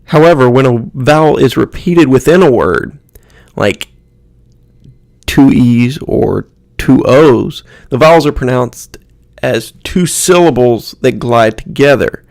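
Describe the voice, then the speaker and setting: A man gives a pronunciation lesson at an unhurried pace, carefully sounding out and repeating each example word. His voice has a gravelly edge. The recording is dry and close. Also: mid-range voice, animated, a little mellow, dry recording. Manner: slow, deliberate, repeats example words. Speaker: Spanish pronunciation teacher. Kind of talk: instructional explanation with spoken examples.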